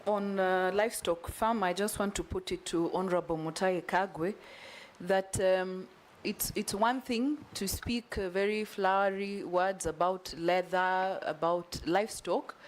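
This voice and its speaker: A woman's voice: medium pitch, normal speed. Kenyan female legislator, mid voice, pointed formal challenge. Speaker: committee member questioning a nominee. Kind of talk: formal parliamentary questioning.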